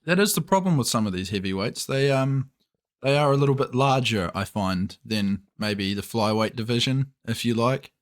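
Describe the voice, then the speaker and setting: A man co-hosting a casual podcast, joking in a dry, deadpan way. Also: medium pitch, moderate pace. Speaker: podcast co-host. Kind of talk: casual chat.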